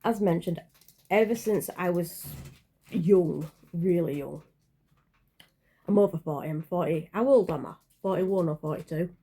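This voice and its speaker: Slow, mellow-voiced woman in her forties. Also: lowish voice, breathy edge. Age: 40s. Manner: rambling, hesitant, with many fillers and self-corrections. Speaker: channel creator. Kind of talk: casual vlog chat.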